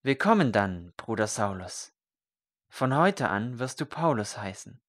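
A man reading a story aloud, voicing a calm, solemn male religious leader who speaks quietly and earnestly. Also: lowish voice, takes it slowly.

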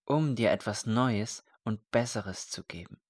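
A man reading a story aloud, voicing a calm, solemn male religious leader who speaks quietly and earnestly. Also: fairly low pitch, measured pace.

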